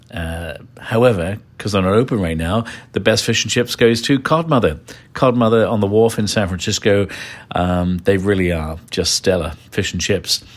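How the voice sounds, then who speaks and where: A man with an English accent and a very low voice talks through his picks at an easy pace, stopping often for filler uhs. He sounds loose and unscripted. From England. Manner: rambling, many filler uhs. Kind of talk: casual recommendations list.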